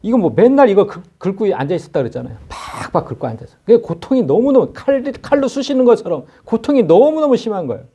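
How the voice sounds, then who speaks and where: A man preaching a sermon, explaining scripture with a lively, scolding, conversational delivery. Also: high-pitched, quick pace, hardly any pauses, breathy edge. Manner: lively expository preaching, acts out scripture speakers in a scolding informal tone. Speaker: pastor. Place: church.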